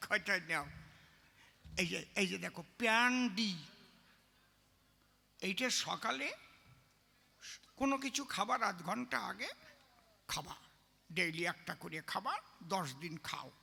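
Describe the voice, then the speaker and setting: A measured village doctor voiced by a male storyteller who spells out each dose in a lively, sing-song way. His voice is high and bright with some gravel, and a long reverb trails behind it. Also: full character voice. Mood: instructive. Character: village doctor, patient and instructive.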